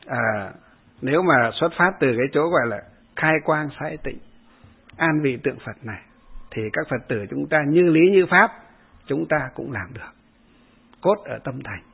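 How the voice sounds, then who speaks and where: A man's voice: a little high, animated, normal speed, pauses often. A man, a Buddhist monk, giving a dharma talk that answers a follower's question, explaining step by step with many hesitation fillers and short chanted verses. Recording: husky voice over tinny phone-like line.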